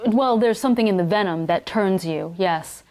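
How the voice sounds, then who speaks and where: A woman's voice: mid-range voice, moderate pace, a little mellow, close to an everyday voice. An actress playing an earnest, matter-of-fact female eyewitness to lizard people in a mockumentary interview. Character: earnest woman who met lizard people.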